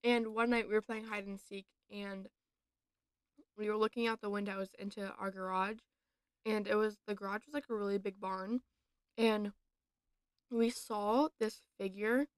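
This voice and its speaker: A woman's voice: medium pitch, level tone, normal speed, pauses often, clean tone, no room sound. A young woman co-hosting a podcast, telling a story casually and filling it with "like" and "um". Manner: chatty, many fillers and likes. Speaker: podcast co-host.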